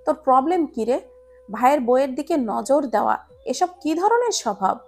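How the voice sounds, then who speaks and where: A man's voice: extremely high pitch, lively intonation, measured pace, creaky, fairly bright tone, heavily acted. A woman voicing a worried, sensible young man in a romance story. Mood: angry.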